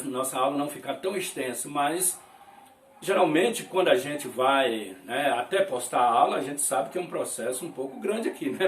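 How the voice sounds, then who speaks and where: A man teaching an English lesson in a casual style. He keeps adding little check-in questions and says each example sentence slowly and carefully. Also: on the high side. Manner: lively, repeats tag questions like "né?" and "viu?". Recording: echoey room, voice from a distance.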